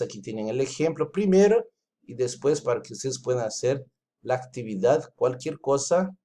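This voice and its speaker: A man's voice: medium pitch, mellow. Man explaining grammar with "¿sí?" checks. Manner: explains step by step, tags lines with "¿sí?" and "¿está bien?". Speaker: Spanish teacher. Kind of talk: recorded online lesson.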